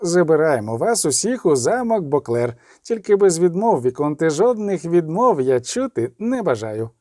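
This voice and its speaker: A man voicing a pompous knight baron who speaks in a drawn-out way. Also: fairly high pitch, big pitch swings, mellow, dry recording, clean studio sound. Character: pompous middle-aged baron knight, drawling.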